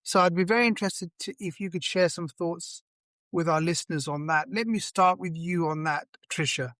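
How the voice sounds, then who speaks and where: A middle-aged man hosting a podcast interview, speaking in measured phrases and listing ideas one by one. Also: a little high, fairly bright tone, no room sound. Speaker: host, arbitration lawyer.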